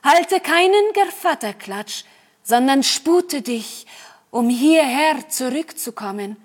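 A woman reading aloud and voicing a wise old Finnish healer woman in a storybook, calm and instructive. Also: sits high, slow.

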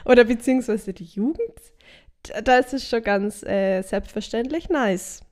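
A woman's voice: a little high, normal speed, darkish tone. A woman in her thirties co-hosting a casual chat podcast, chatty and teasing, often laughing. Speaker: podcast co-host.

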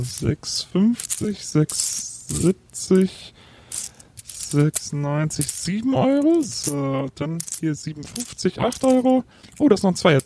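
A man playing a fussy customer who counts coins out loud and keeps losing track. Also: on the high side, a little hiss or hum, heavily acted.

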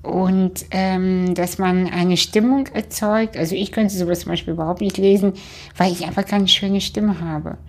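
A woman's voice: lowish voice, steady tone, moderate pace. Hesitant woman in casual talk. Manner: hesitant, with frequent fillers and restarts. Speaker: stage speaker. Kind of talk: casual conversation.

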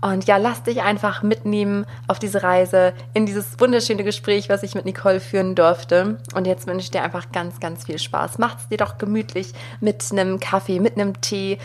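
A woman hosting a podcast, speaking gently and from the heart, straight to the listener. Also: mid-range voice, steady tone, normal speed, few pauses, a little hiss or hum. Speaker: podcast host. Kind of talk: warm solo podcast intro.

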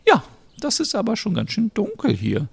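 A man playing a fussy old lady, high and quavering, lively rise and fall. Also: normal speed, vocal fry, slightly rough, full character voice. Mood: charmed. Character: old-fashioned elderly woman, prim and fond of traditions. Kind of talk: voicing characters in a narrated story.

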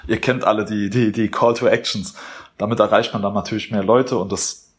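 A man's voice: on the low side, steady tone, fairly quick. A man hosting a motivational podcast, speaking earnestly and coaching the listener directly. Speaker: podcast host.

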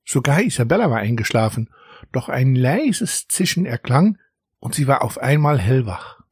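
Husky-voiced male storybook narrator. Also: mid-range voice, very animated, moderate pace, a little mellow, no echo, clean studio sound. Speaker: audiobook narrator.

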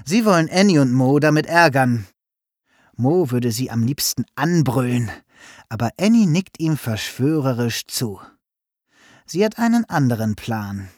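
A man narrating a children's story in an expressive, storytelling manner. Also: medium pitch, a little slow, dry recording, clean studio sound.

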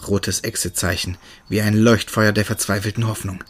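A man narrates a scripted first-person horror story in a steady, tense voice. His tone sits fairly low and sounds husky, with faint music underneath. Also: normal speed.

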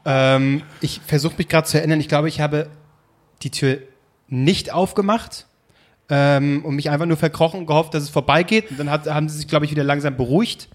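A man's voice: on the high side, brisk. A young man telling a story in casual chat, rambling and hesitant, often breaking into laughter.

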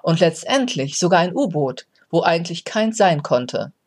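A kindly God patiently explaining what was sent to help, as a podcaster reads it out. The delivery is gentle and unhurried, an everyday voice rather than an acted one. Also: mid-range voice, very animated.

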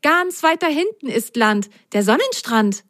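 A woman's voice: sits high, sing-song, a little slow, fairly bright tone, no room sound, clean studio sound, voice pushed up, full character voice. A woman voicing a friendly, helpful young whale child in a children's storybook, talking in an eager, chatty way.

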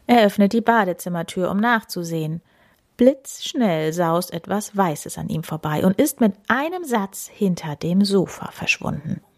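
A woman reading a children's story aloud in a gentle, expressive manner. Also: medium pitch, moderate pace.

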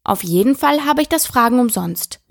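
A woman's voice: on the high side, lively intonation, moderate pace, vocal fry, no echo, clean studio sound. A woman voicing a polite, curious young girl who chatters eagerly and apologizes often.

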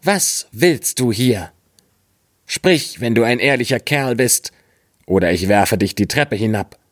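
A man's voice: mid-range voice, lively intonation, unhurried, no room sound, studio quality. A man voicing a simple-minded, fearless young farm lad in a fairy-tale audiobook, naive and earnest. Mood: earnest, bold.

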